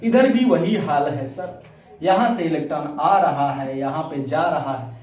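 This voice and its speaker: A man's voice: on the high side, a little slow, darkish tone. A male chemistry teacher gives a classroom lecture, asking and answering his own questions step by step. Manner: explains step by step, asks and answers his own questions, calls students beta. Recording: very echoey room, mic far off.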